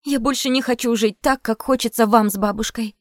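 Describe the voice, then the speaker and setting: A woman reading an audiobook gives voice to a high, strained young woman on the verge of tears, lashing out at her mother. Her pitch climbs well above the narration, and the recording is dry and close. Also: fairly even intonation, brisk, no echo, natural voice. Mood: tearful defiant. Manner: pleading, tearful outbursts. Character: young woman, upset teacher, tearful and defiant.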